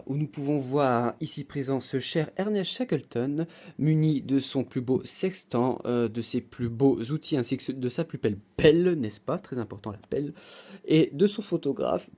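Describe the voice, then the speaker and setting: A man's voice: mid-range voice, warm tone. A man hosting a casual unboxing video, rambling and joking, with mock-formal asides and lots of hesitations. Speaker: YouTube host unboxing Lego sets.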